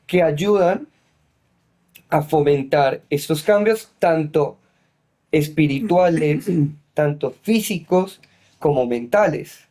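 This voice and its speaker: A man giving measured advice in a conversation. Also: fairly high pitch, mellow. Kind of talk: reflective conversation.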